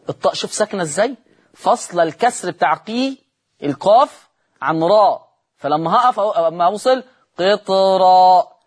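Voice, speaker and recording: A man with an Egyptian accent teaching Quran recitation in a televised lesson, drawing out words slowly to show how they sound and asking the viewers rhetorical questions. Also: sits high, breathy edge. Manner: draws out words slowly to demonstrate pronunciation.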